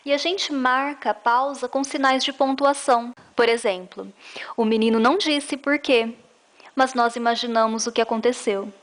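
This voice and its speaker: High-voiced woman teaching a grammar lesson. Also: steady tone, moderate pace. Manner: clear, patient explaining with spoken examples.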